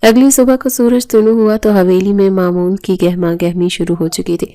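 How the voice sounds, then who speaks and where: A woman narrating a romance novel in a steady, even storytelling voice. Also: mid-range voice.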